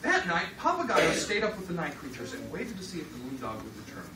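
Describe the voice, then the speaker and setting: Her low voice moves quickly with big pitch swings as she leads a children's puppet show, telling the story dramatically and handing out short lines for the kids to repeat. A faraway mic picks it up in a noisy, echoing room.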